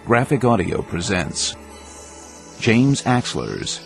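A man's voice: on the low side, sing-song, takes it slowly, gravelly. A man reading dramatic scripted trailer narration as an announcer, grave and portentous. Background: music.

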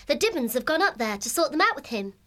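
A woman voicing a kindly young female hare in an audiobook, earnest and gentle. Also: high-pitched, sing-song, fast.

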